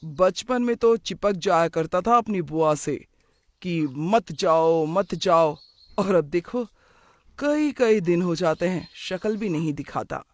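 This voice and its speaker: A talkative, fond middle-aged aunt from a cartoon moral story, voiced by a performer. She reminisces warmly at an unhurried pace and gently scolds. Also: mid-range voice, lively intonation, dry recording. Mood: nostalgic. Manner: chatty, affectionate, scolding. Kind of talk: animated moral story dialogue.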